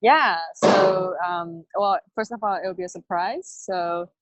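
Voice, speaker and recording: A woman life coach as an interview guest, lively, laughing often, with fillers. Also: mid-range voice, slow, noisy background. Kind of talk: casual interview. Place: near a construction site.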